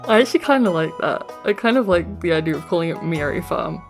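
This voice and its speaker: A woman's voice: lowish voice, expressive, fast, creaky. A young woman chatting and giggling as she plays a farming game, with light jokes to her viewers. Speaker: gaming video host. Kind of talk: casual let's play commentary. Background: background game music.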